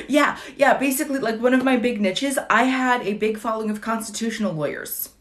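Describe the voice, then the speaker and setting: A woman's voice: fairly high pitch, fairly bright tone. A woman in her late thirties chatting casually on a livestream, wry and digressive with dry jokes, answering viewer questions between fillers and restarts. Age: late 30s.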